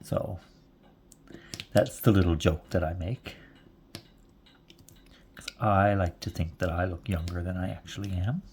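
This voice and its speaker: A man in his forties talks on casually as he works through his knitting, rambling from one story to the next and chuckling along the way. His voice sits on the low side, with a faint hiss in the background. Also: steady tone, unhurried, pauses often, darkish tone. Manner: chatty and rambling, with frequent chuckles. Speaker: knitting vlogger. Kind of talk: casual chat while knitting.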